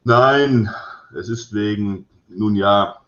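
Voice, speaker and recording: A man's voice: on the low side, slow pace, a bit bright. A man reading as a blunt police inspector. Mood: blunt, indignant. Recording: roomy echo, slightly dull sound.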